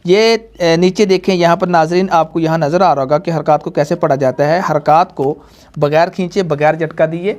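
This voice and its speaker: A man's voice: on the high side, fairly even intonation, darkish tone. Patient male teacher drilling a class. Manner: repetitive call-and-response questioning. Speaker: Quran reading teacher. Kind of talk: classroom lesson to students and viewers.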